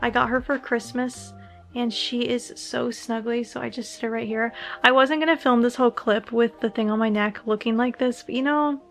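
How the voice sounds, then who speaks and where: A woman's voice: on the high side, fairly even intonation, moderate pace, a bit bright, soft background music. A young woman chatting casually to her vlog, groggy and rambling, her mouth sore and swollen after oral surgery. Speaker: vlogger.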